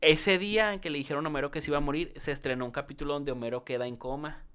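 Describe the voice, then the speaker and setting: A young man with a Mexican Spanish accent chats casually as a podcast host. He rambles, restarts and mocks himself, and his voice sits a little high for a man. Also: fairly even intonation, rapid-fire, fairly bright tone, clear, resonant tone. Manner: rambling, self-mocking, laughs often. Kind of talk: casual chat.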